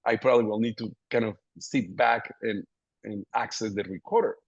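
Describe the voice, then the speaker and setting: A man's voice: fairly low pitch, steady tone, normal speed, gravelly, breathy edge, dry recording. A man lectures over slides in a webinar, chatty and self-mocking. His voice sits mid-range. The audio is dry and a bit dull, like a video call. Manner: chatty, jokes about his accent. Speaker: pediatric dentist giving a webinar.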